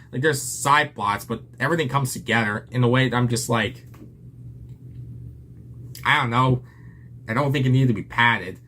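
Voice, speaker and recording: A man's voice: mid-range voice, fairly bright tone, slight background noise. A young man giving a casual, enthusiastic movie review, rambling with restarts and a little out of breath.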